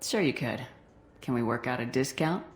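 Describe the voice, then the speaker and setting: A woman's voice: rumbling low, expressive, normal speed. An actress playing a confident, blunt female space commander in a video game. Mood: assured. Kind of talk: video game character acting.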